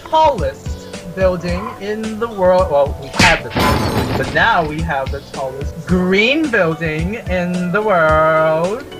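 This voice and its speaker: A man from Taiwan, a podcast guest, chatting casually and giving his opinions with quick laughs. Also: high-pitched, animated, music in the background. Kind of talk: casual chat.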